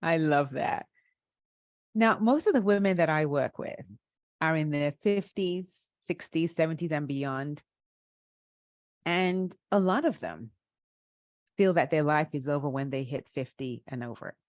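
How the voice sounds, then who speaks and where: Woman interviewer, slightly low pitch, close dry sound, encouraging, affirming, conversational. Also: measured pace, pauses often, dry recording. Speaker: interviewer, host.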